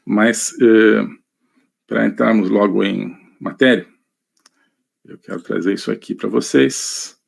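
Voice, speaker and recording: A man with a Brazilian Portuguese accent giving a live online lecture, measured and thinking aloud with many fillers. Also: fairly low pitch, steady tone, vocal fry, husky. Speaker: lecturer on politics. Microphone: computer mic, screen sharing.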